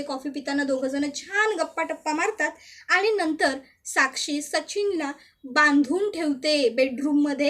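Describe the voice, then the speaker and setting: A woman narrating a spoken story in a plain, even way. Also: high-pitched.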